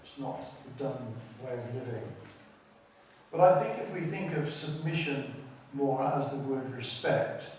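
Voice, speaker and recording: A man with an English accent giving a sermon in a large church, speaking in a measured way with frequent hesitations. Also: medium pitch, darkish tone, slight background noise. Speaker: lay preacher. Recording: echoey church from a distance.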